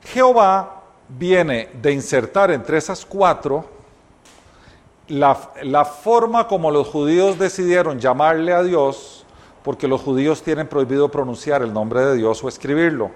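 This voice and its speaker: A man teaching a Bible study, explaining scripture step by step and sometimes correcting himself mid-sentence. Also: fairly high pitch. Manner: explanatory, retells scripture scenes with voiced dialogue; occasional self-corrections.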